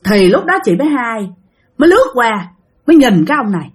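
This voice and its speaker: A woman's voice: on the high side, fairly quick. A woman telling a ghost story, talking straight to her listeners. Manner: animated, addressing listeners directly.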